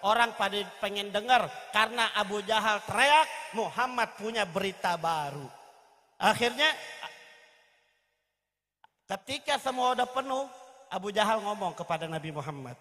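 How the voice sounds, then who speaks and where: A man's voice: high-pitched, expressive, normal speed, long pauses, bright, forceful tone. A male preacher telling a religious story dramatically at a gathering, speaking straight to his audience. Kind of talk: sermon storytelling. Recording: reverberant hall sound.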